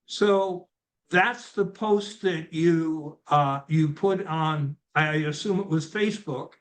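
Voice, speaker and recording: A man hosting a casual interview over a video call, talking in a halting way with many fillers and restarts. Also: fairly high pitch. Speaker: interview host.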